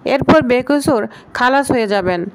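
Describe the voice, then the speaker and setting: A woman voicing a bossy, sharp-tongued young female executive who scolds and gives orders. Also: high-pitched, lively intonation, moderate pace, clean tone. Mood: commanding. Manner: scolding, commanding.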